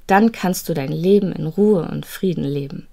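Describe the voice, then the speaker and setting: A woman voicing a cheerful, wise male storyteller in an audio storybook, speaking in a gentle, measured way. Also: sits low, vocal fry. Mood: kindly.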